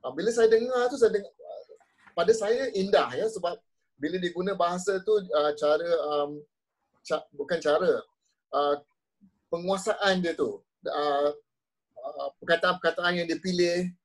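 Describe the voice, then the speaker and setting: Man on a panel, relaxed and talkative, voice sits a bit high. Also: unhurried, low-quality recording. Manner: casual and chatty, drops in English words. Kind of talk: panel discussion.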